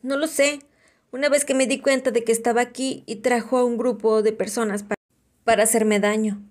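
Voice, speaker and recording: A battered schoolboy speaks earnestly and in a hurry, voiced by a woman reading aloud. His voice sits a little above her usual pitch. It is from a spoken storybook. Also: steady tone, moderate pace, darkish tone, lightly acted. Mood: shaken. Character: battered schoolboy, shaken but eager.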